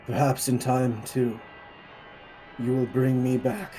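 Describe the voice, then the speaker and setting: A man voicing a dying old male mentor who speaks a grave, halting farewell. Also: mid-range voice, little pitch movement, warm tone, soft background music, natural voice. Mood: solemn.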